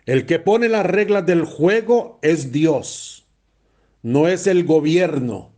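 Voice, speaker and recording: Priest going slow and heavy, mellow voice, hammers the same words over and over. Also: male voice, a little high. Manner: blunt, emphatic, repeats phrases for stress. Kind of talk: sermon.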